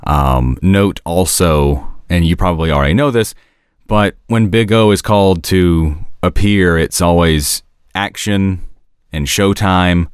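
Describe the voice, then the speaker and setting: A man hosting a podcast in casual analytical conversation, often pausing to search for words and rephrase. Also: sits low, clear, resonant tone, no echo, studio quality. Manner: hesitant, searching for words, self-correcting. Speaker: podcast host discussing an animated series.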